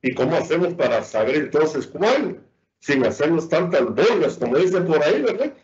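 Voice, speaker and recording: A man's voice: fairly high pitch, very animated, a little mellow. A male teacher giving a virtual lecture on spelling rules, asking and answering his own questions and drawing out the example words. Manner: drawn-out emphasis on example words. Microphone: computer mic on a video call. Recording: dull lo-fi online lecture audio.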